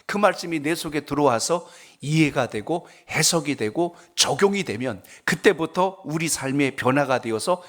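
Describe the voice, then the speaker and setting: A man's voice: a little high, lively intonation, moderate pace, hardly any pauses, fairly bright tone. A male pastor preaching a sermon at a prayer service, telling stories and asking the congregation questions. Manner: conversational storytelling, asks the congregation questions.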